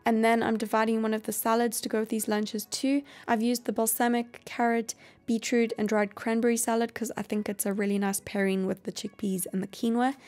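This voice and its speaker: A woman hosting a cooking channel, explaining each step of a meal prep in a calm voice-over. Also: fairly high pitch, brisk. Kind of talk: instructional voice-over.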